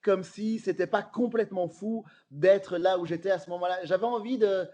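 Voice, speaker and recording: A male comedian, appearing as a podcast guest, shares funny stories in a Belgian French accent, laughing frequently and leaning on lots of fillers. His warm voice is high, and his pace moderate.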